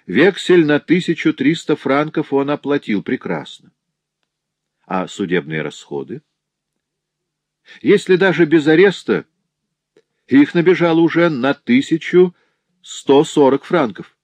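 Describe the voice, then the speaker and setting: A man voicing a coarse, rude male bailiff in a storybook reading, loud and mocking. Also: on the high side, sing-song, unhurried, long pauses, dry recording, voice pushed up.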